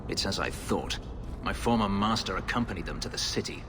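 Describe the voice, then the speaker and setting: Fenris, a brooding deep-voiced elf. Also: male voice, expressive, a little fast, background noise. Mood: grave. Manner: grave, formal, terse. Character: brooding male elf warrior, escaped slave. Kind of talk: video game dialogue. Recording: game music underneath. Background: game score.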